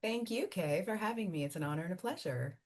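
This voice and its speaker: A woman from Miami whose first language is Spanish speaks in a low voice. She is an immigration attorney explaining her career in a chatty, animated interview manner, with frequent fillers. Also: quick pace. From Miami, United States. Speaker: immigration attorney and law firm founder. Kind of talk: conversational interview answers.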